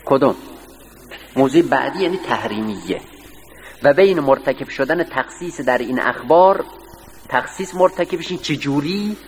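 A man's voice: medium pitch, expressive, pauses often. Man lecturing in a reverberant hall. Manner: explains line by line, quizzes students with questions. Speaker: seminary teacher. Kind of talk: classroom lecture on a text. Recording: distant voice with long hall reverb, faint hiss.

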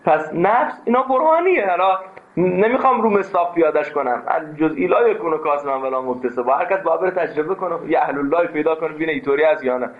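A man teaching a philosophy class, speaking emphatically and breaking into anecdotes. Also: on the high side. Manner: emphatic, animated, tells anecdotes. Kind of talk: classroom lecture. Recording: tinny phone-like sound.

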